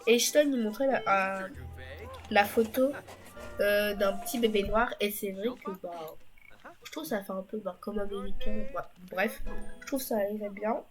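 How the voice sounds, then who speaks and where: A woman chats her way through a life-sim game in loose, rambling let's-play commentary, tossing off wry asides as she goes. Her voice sits at a middling pitch, and soft game music plays underneath. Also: unhurried. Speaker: gaming YouTuber.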